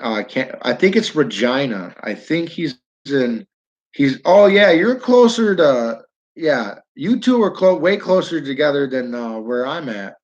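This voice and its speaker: A livestream host with a northern New York accent chats casually from his downtown building in an animated, mid-range voice, going a little slowly. He rambles, backs up to restart sentences and calls out to viewers by name, all in lo-fi sound.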